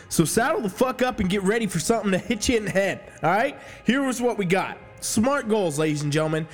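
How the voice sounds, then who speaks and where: A fitness coach hosting his podcast launches into a brash, profane motivational rant, swearing like a hype man and sounding a little sniffly from allergies. His voice is high, with a long reverb tail.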